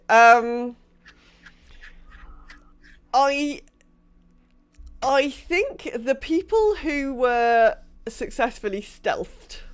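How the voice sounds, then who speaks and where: A woman game master casually narrating a tabletop game, thinking aloud in a hesitant manner. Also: on the high side.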